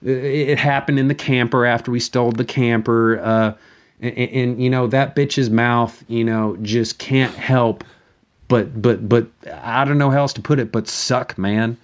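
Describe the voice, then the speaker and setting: A man's voice: medium pitch, steady tone, unhurried. A man delivering a rambling, profane comic monologue, repeating words and stammering as he goes. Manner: crude, foul-mouthed.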